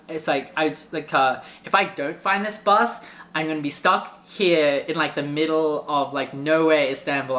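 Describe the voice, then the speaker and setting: A man telling a travel story in casual chat, animated and full of filler words. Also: a little high, roomy sound. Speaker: guest storyteller.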